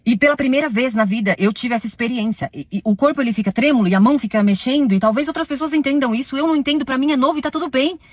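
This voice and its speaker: A woman giving an emotional religious testimony to her followers, defensive and pleading, her voice swinging between hushed and raised. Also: sits high, very fast, few pauses, no room sound. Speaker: self-described servant of God recounting a spiritual experience.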